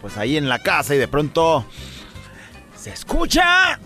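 A young Mexican man with a high, lively voice tells jokes and stories on a comedy show. His pitch jumps around as he acts out his stories, with music running behind him. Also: measured pace. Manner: animated storyteller, jokes in slang. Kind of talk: joke telling, casual banter.

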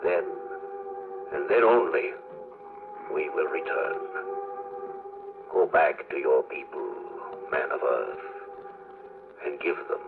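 A man's voice: a bass voice, sing-song, slow pace, long pauses, noisy background, heavily acted. A man playing a grave, judging Martian in an old-time radio drama, solemn and portentous. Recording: narrow old radio recording, music behind.

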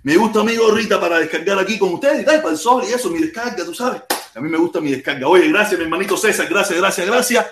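A man's voice: high voice, lively intonation, fast, fairly bright tone, reverberant. A man with a Cuban accent hosting a casual livestream and reading viewer comments. He rambles, repeats himself and curses crudely. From Cuba. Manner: rambling and repetitive, crude cursing. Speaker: livestream host.

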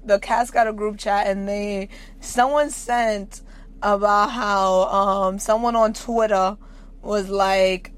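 A woman's voice: medium pitch, fairly even intonation, slow pace, smooth. A woman with a New York accent chatting casually, blunt and brash, laughing often. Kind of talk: casual chat.

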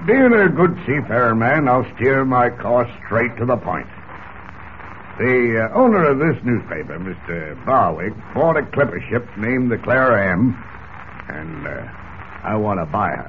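An actor playing a gruff, blunt old seafarer with salty in 1940s radio drama. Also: male voice, medium pitch, sing-song, unhurried. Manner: salty nautical talk. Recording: tinny, noisy old radio recording.

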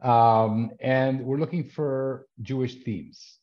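A man's voice: medium pitch, fairly even intonation, slow. A man hosting an interview, pushing ahead and repeating words as he cuts in. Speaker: interview host. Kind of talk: casual interview talk. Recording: dull lo-fi call audio.

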